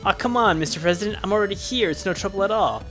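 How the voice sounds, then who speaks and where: Man doing a brash young hero, raised pitch, loud and eager. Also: fast, over music, natural voice.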